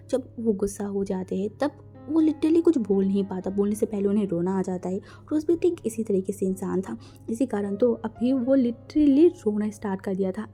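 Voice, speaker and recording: A woman telling a fan fiction story in a loose, chatty manner, peppering it with fillers and restarts. Her voice is very dark and mellow, at a middle pitch, and soft music plays faintly behind.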